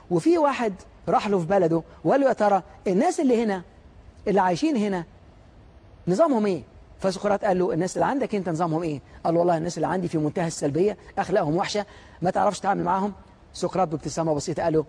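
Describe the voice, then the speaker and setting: A man with an Egyptian accent giving an animated motivational lecture, full of stories and rhetorical questions to the audience. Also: high voice, slightly rough. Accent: Egyptian Arabic.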